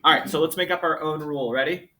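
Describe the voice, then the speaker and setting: A man teaching a math class, walking students through problems with brisk, coaxing questions. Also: on the high side, bright, forceful tone.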